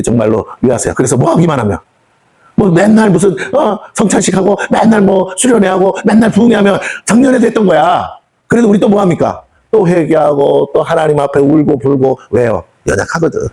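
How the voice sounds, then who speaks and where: A middle-aged man preaching a sermon with a slightly husky voice. He talks fast and pitched a bit high, chatting with the congregation, asking questions and acting out what people say. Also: a little mellow. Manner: conversational, asks the congregation questions and acts out quoted speech. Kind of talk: sermon at a prayer meeting. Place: prayer house hall.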